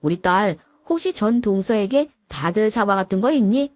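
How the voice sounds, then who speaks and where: A woman voicing an older man who heads a law firm and speaks calmly and firmly as a protective father. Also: medium pitch, normal speed, no echo, close to an everyday voice.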